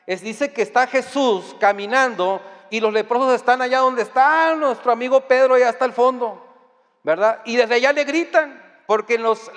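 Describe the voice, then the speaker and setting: A man with a Mexican accent delivers a sermon in a high, bright register. He talks to the congregation in a conversational way and pushes to loud, emphatic peaks. A long reverb hangs on his voice in the hall. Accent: Mexican Spanish. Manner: conversational, addressing the congregation directly. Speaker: preacher. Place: church hall.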